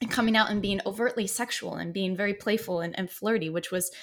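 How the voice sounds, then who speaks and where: A woman psychotherapist appears as a podcast guest, giving long, easygoing answers full of fillers and light laughter. Her mid-range voice moves fairly quickly, and her manner is expansive.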